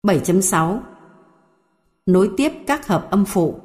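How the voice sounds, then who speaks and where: A woman reading a music theory textbook aloud in an even, measured way, going through numbered points. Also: mid-range voice, breathy edge, dry recording, studio quality. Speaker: textbook reader.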